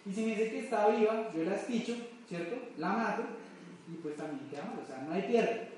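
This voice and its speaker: A man's voice: high voice, brisk, darkish tone, slight background noise. A man with a Colombian accent giving a motivational talk to a live audience, asking rhetorical questions and telling folksy stories. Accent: Colombian Spanish. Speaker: motivational speaker at a business event. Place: large echoey event hall. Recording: echoey hall from far off.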